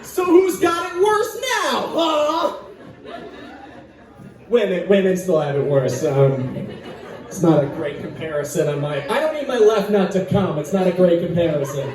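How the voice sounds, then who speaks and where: A man performing a self-deprecating stand-up comedy set in a pub, shouting some punchlines. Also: sits high, animated, measured pace. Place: live venue in a pub. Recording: echoey room from far off. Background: audience laughing.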